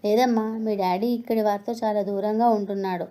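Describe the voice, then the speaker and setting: A woman voicing an elderly retired male schoolteacher who lectures in a stern, moralizing way, in a mellow voice. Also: medium pitch, steady tone, fairly quick, lightly acted. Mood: lecturing. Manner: lecturing, preachy.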